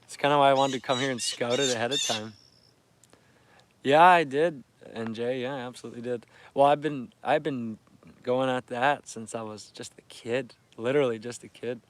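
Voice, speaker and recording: A Canadian man in his 30s, weary from little sleep, chats with his fishing livestream audience from a lakeside near a campsite at dawn. His medium-pitched voice is fairly even and at normal speed; he stays hushed, laughs frequently, and streams on his phone.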